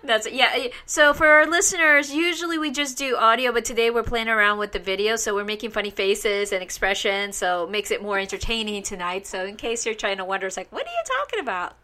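A woman's voice: on the high side, expressive, brisk, hardly any pauses, pushed and bright. A woman hosting a podcast, chatting in an upbeat, giggly way as she introduces and interviews a guest. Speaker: podcast host. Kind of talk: casual interview chat.

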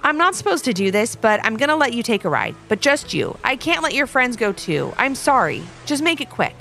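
A woman voicing a kind-hearted adult male ride worker in a children's story, gentle and apologetic. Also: a little high, big pitch swings, fairly quick, creaky, pitched above the performer's own voice, heavily acted.

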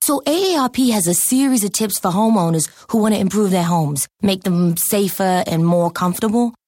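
Dry, mid-pitched woman in testimonial ad. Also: brisk, darkish tone, no room sound. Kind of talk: scripted testimonial radio ad.

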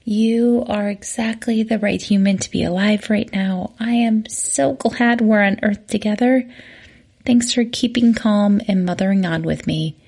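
A woman speaks as the host of a relaxation podcast. Her voice sits at an average pitch and has a breathy, husky texture. She explains exercises in a casual, conversational way. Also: a little slow, a little mellow.

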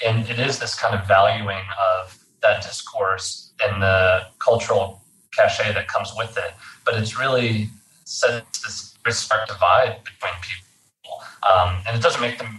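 A young man from Texas, a guest talking about activism in a casual interview, thoughtful and measured with frequent fillers. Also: fairly low pitch, steady tone, sharp tone. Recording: roomy sound from a distant mic with faint background hiss.

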